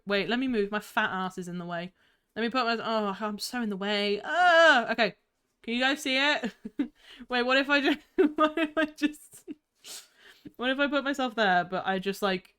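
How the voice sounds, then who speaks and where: Giggly woman streamer, bright clear voice, excitable live chat with viewers. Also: a little high.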